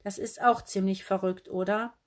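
A woman's voice: mid-range voice, fairly even intonation, normal speed, close to an everyday voice. A woman voicing a cheerful, quirky young female bookseller in a kimono, bubbly and breezy. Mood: chirpy. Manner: bubbly, breezy, oddly matter-of-fact.

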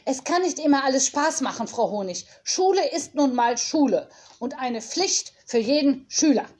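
A woman reading aloud and voicing a strict female school official who speaks in a brisk, reproving tone. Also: sits high, lively intonation, a little mellow. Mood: stern.

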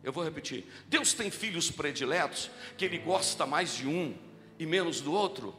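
A man preaching a sermon at a church event in Brazil, with a deep, strong voice, telling stories and repeating key lines as he builds to fervent exhortation. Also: animated, normal speed, bright, forceful tone. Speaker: pastor. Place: large church hall. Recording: live church recording with long reverb and music.

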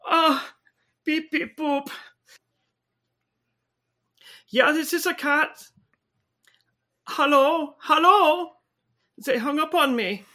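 A woman voicing an excitable male cat with a put-on German accent, flustered and shouting, mixing in German words. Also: high voice, full character voice.

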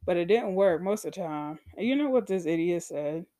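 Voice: medium pitch, expressive, a little fast, mellow, no echo, clean studio sound. A podcast host telling a personal story as a profane rant, sarcastic and blunt, acting out past conversations and speaking straight to listeners. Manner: sarcastic, addresses listeners directly.

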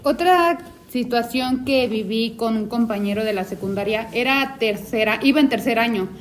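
A woman telling a school anecdote in a panel talk, lively and quoting people as she goes. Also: on the high side, normal speed, a little hiss or hum. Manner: animated storyteller, quotes people.

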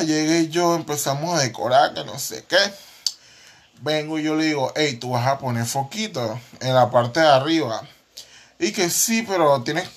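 Young guy with a high voice doing a comedy monologue podcast, swears a lot, makes fun of himself, keeps cracking up. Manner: animated, profane and self-mocking, often breaks into laughter. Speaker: podcast host. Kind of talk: comic storytelling monologue.

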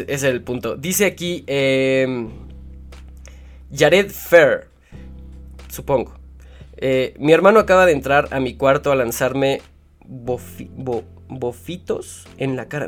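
A man's voice: medium pitch, lively intonation, measured pace, soft background music. A man with a Mexican accent hosting a podcast, reading listener stories aloud and rambling in a joking, self-mocking way. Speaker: podcast host.

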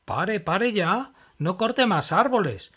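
A man voicing a brave young girl who urges and shouts orders to her friends. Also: on the high side, huge pitch swings, measured pace, pitched above the performer's own voice, exaggerated voice. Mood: urgent. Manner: urgent, shouting commands.

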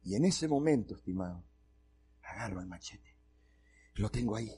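A man's voice: on the low side, expressive, normal speed, dark tone, slight background noise. A male pastor telling a comic, self-mocking story during a sermon.

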